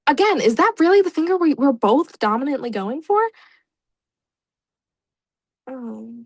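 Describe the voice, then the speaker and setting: A woman's voice: high voice, sing-song, a little slow, no room sound. A young woman giving casual let's-play commentary, chatty and reacting aloud with laughs and groans. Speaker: gaming YouTuber.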